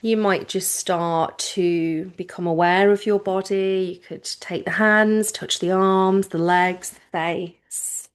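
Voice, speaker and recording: In a lowish, smooth voice with a steady tone, a woman gives informal yoga nidra instructions, calm and reassuring, with unhurried phrasing and pauses throughout.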